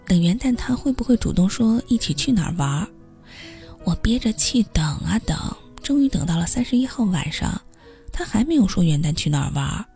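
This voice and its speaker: A woman with a mellow, gravelly voice tells her own story in the first person, like a podcast host reading to listeners. She mocks herself wryly as she goes. Soft music plays faintly behind her. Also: lowish voice. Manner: wry, self-mocking storytelling.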